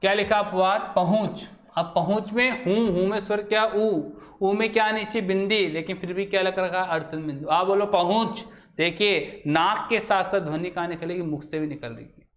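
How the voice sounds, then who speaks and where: A man teaching Hindi grammar in a classroom lecture. He asks the class questions, answers them himself, and says example words over slowly to show how they sound. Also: high-pitched, a bit bright.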